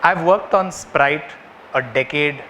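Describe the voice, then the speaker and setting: A man's voice: a little high, takes it slowly, pushed and bright, a little hiss or hum. A man with a South Indian accent presenting work to clients in a conversational way, often checking in with short rhetorical questions. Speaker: advertising agency presenter.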